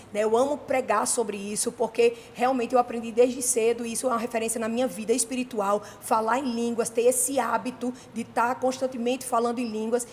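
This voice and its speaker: A woman's voice: on the high side, a little mellow, big-room sound, a little hiss or hum. A woman with a Brazilian Portuguese accent hosting a podcast interview, speaking reflectively and affirming her guest often. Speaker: podcast host. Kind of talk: casual interview.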